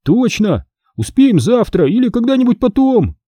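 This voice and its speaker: A man voicing a jittery, joking boy sidekick in an audiobook, with quick quips and nervous energy. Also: very high voice, big pitch swings, dark tone, dry recording, studio quality, pitched above the performer's own voice, exaggerated voice. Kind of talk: audiobook character reading.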